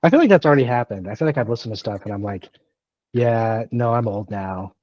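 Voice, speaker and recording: A man's voice: mid-range voice, animated, fairly quick, darkish tone, no echo, muffled recording. A man in his early thirties co-hosting a podcast, chatting casually in a rambling, self-deprecating way with lots of fillers and restarts. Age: 30s. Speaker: podcast co-host. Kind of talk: casual chat.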